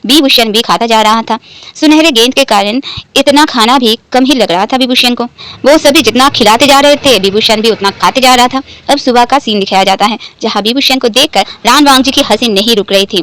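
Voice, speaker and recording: A woman's voice: on the high side, fairly quick, a bit bright, low-quality recording. A woman narrating a romance fan fiction story, lightly voicing the characters' lines in her own voice.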